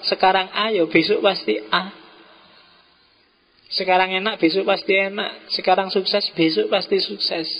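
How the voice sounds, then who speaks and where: A man giving an informal philosophy study talk to a gathering, with relaxed joking asides. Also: high-pitched. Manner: relaxed, joking asides, mixes in Javanese words. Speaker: philosophy lecturer. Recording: dull, reverberant hall sound.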